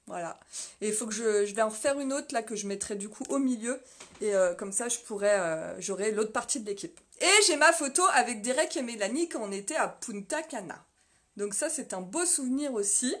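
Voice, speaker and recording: A woman's voice: fairly high pitch, brisk. Chatty woman on a live video. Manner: chatty and rambling, many fillers and restarts; laughs often, reads viewer comments aloud. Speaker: vlogger hosting a live video. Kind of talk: casual live chat, touring her office. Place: small home office, indoors. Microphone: phone mounted on a stand.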